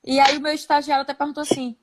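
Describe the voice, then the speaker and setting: A woman from Brazil chatting casually as a guest, telling animated stories and laughing as she goes. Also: high voice, rapid-fire, a crowd in the background. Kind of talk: casual video-call chat.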